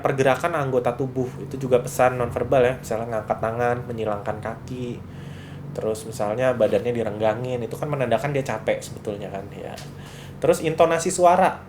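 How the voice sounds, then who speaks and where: Male lecturer, relaxed chatty delivery, acts out examples, faint room noise. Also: mid-range voice. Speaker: university lecturer. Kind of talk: casual lecture to students.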